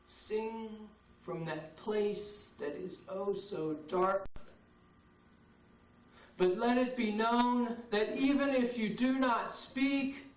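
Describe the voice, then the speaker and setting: A high-voiced man performs spoken-word poetry at an open mic night in a cafe, reciting slowly in a solemn, incantatory manner with long pauses. The recording comes from a VHS tape and sounds roomy and distant.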